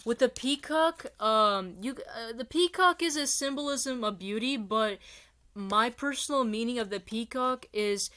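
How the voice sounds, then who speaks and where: A woman's voice: a little high, a little slow, bright, forceful tone. Chatty woman giving a tarot reading. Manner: chatty and rambling, addresses viewers as "you guys". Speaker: tarot reader.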